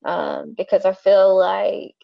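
A woman's voice: medium pitch, fairly even intonation, takes it slowly, creaky, muffled recording. A woman in her thirties co-hosting a podcast, chatting casually in a frank, rambling way with plenty of fillers and swearing. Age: 30s. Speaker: podcast co-host. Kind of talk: casual chat.

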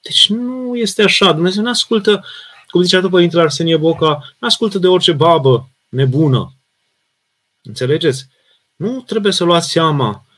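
A man from Romania, serving as a parish priest, answers questions from viewers in a live session. He speaks earnestly and with emphasis, in a voice pitched slightly high for a man, often breaking off and restarting his sentences. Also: expressive. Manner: reads out viewer questions and answers them plainly.

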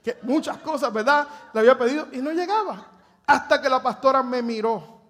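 A man's voice: very high voice, a little fast, fairly bright tone. A Puerto Rican man preaching a sermon to his congregation, telling the story dramatically and joking with the church. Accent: Puerto Rican Spanish. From Puerto Rico. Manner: dramatic storytelling, acts out scripture and jokes with the congregation. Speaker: pastor. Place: church sanctuary.

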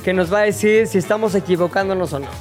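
A radio host leading a casual talk show segment, playful and quick to laugh while setting up questions. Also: medium pitch, over music. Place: radio studio.

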